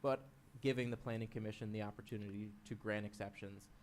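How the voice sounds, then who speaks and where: A man speaking as a town commissioner in a council work session, in a measured, articulate way on a meeting microphone. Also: lowish voice, steady tone, slight background noise.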